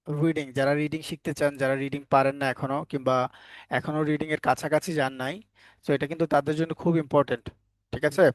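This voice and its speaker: A man's voice: fairly high pitch, dry recording. A man teaching a live online English phonics class, asking the students questions over and over and scolding them firmly at times.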